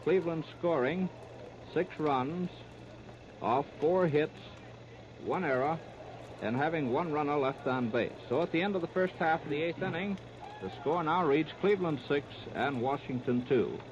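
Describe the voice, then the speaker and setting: A male American baseball play-by-play announcer from the 1930s, with a higher-pitched voice, gives clipped present-tense running description at a moderate pace. The dull old 1939 radio disc is muffled and very noisy.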